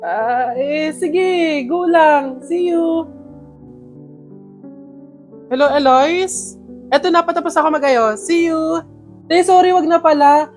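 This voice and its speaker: A woman's voice: high voice, slow pace, long pauses, a little mellow, soft background music, pitched above the performer's own voice. A woman with a Filipino accent, acting out a dramatic, whiny young woman in comedy skits with exaggerated delivery. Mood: chatty. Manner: exaggerated, overdramatic skit acting.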